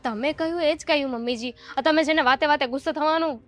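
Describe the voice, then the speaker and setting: A woman's voice: high-pitched, fast talker, faint music behind, natural voice. A woman acting a put-upon young daughter-in-law who answers back sarcastically in a family drama. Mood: sarcastic.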